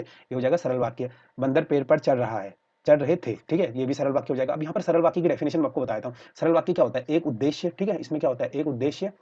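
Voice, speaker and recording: A man's voice: mid-range voice, warm tone, breathy edge, highs cut off. A man teaching an online exam-prep lesson, explaining step by step and checking in with his students again and again. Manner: explains repetitively, checks in with "theek hai" often.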